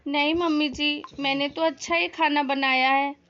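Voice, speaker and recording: A woman's voice: sits high, steady tone, normal speed, fairly bright tone. A woman acting a meek, mistreated daughter-in-law who pleads in a family drama. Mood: pleading. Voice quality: pleading, tearful. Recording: dull lo-fi audio.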